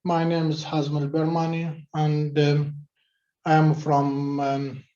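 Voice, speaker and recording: A man from Iraq, a senior lecturer in mathematics, opening his talk in a measured, hesitant way. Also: fairly high pitch, completely flat delivery, mellow. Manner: slow, measured, hesitant delivery. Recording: muffled, roomy video-call audio.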